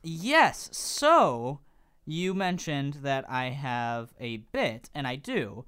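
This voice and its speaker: Young male co-host, easygoing chat, smooth clear tone, mid pitch. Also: dry recording, studio quality. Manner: easygoing, gets excited and rushes when hyped. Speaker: podcast co-host. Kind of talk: casual book-club chat.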